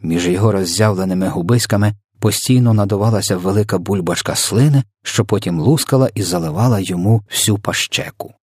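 Guy narrating a kids storybook, low husky voice, dry close sound. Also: a little fast, no echo. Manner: expressive, dramatic reading. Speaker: audiobook reader.

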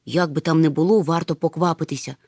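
A woman's voice: sits low, fairly even intonation, fast, a little mellow, dry recording, clean studio sound. A woman voicing an earnest, impatient young male troll in a storybook, with an urgent manner. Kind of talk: storybook reading.

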